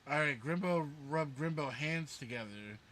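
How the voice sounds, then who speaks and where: A man's voice: a little high, lively intonation, moderate pace, fairly bright tone. A man chatting casually as a player in a tabletop game, with some noise behind him.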